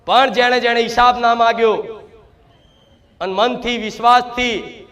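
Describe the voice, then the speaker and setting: A man's voice: extremely high pitch, fairly even intonation, unhurried, a bit bright, lo-fi sound. A man, giving a devotional sermon in the first person as the goddess, emphatic and full of repeated rhetorical questions.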